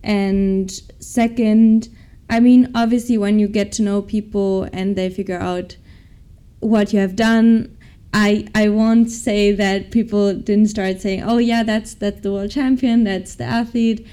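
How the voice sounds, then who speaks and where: This young woman, an MBA student who used to compete professionally, speaks unhurriedly in a mid-range voice that is warm, clear, and resonant, with fairly even intonation. She answers interview questions in an upbeat, hesitant manner, frequently starting over.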